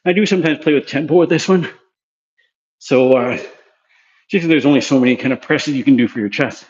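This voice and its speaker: In this lo-fi clip, a physiotherapy clinic presenter chats casually through his workout between sets, a bit winded. His medium-pitched voice is fairly quick and slightly mellow, suiting the relaxed demonstration-vlog style.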